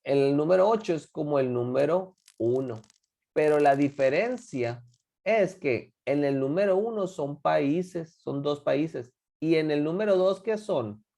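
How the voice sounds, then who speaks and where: Lively, mellow-voiced teacher. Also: medium pitch, vocal fry. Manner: drills words slowly and quizzes the class with questions. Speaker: English teacher. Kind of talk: classroom instruction in Spanish and English.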